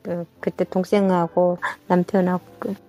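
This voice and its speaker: A woman from North Korea with a North Korean accent, telling her own story in a casual interview in a halting, unpolished, colloquial way. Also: on the low side, little pitch movement, over music.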